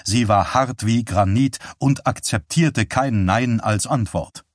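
A man narrating an audiobook in a calm, even reading voice. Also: lowish voice, slow, dry recording, clean studio sound. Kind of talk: scripted narration.

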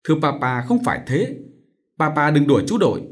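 A man's voice: fairly high pitch, big pitch swings, fairly quick, husky, exaggerated voice. A man voicing a young girl who pleads tearfully. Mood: pleading.

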